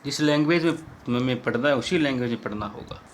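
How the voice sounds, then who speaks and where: A male teacher giving a lecture on English teaching methods, explaining in Hindi and reading English example sentences slowly. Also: medium pitch, slight background noise.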